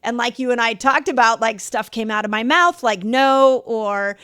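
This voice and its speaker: A woman's voice: a little high, moderate pace, pushed and bright, clean tone, no echo, clean studio sound. A middle-aged woman hosting a podcast interview, affirming her guest and thinking aloud with restarts. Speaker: podcast host. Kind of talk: conversational interview.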